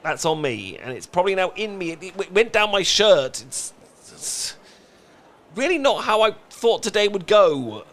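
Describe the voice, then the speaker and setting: A British man plays a flustered, lovesick best friend who keeps his feelings bottled up, in a comedic romantic audio roleplay. His voice sits high and is very animated and a bit bright, and he stammers and pleads in halting phrases. He sounds sheepish and exasperated.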